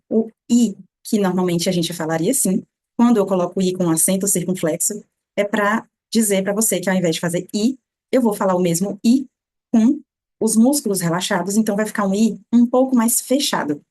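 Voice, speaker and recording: Brazilian woman teaching pronunciation, mellow tone. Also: mid-range voice. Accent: Brazilian Portuguese. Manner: slow demonstrative repetition of sounds. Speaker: English teacher. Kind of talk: pronunciation lesson.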